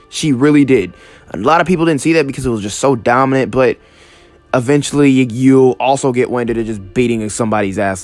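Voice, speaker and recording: A man's voice: mid-range voice, darkish tone. Laid-back man chatting fight predictions. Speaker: MMA prediction host. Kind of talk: casual commentary.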